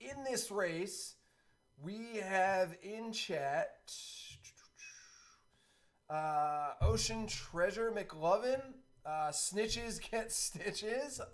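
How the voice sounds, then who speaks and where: A man streaming online who chats in a relaxed way, full of fillers, and calls horse races, building up to shouting at the finish. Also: high-pitched, drawn-out words. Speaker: streamer and race caller. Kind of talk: live-stream chat and horse race commentary.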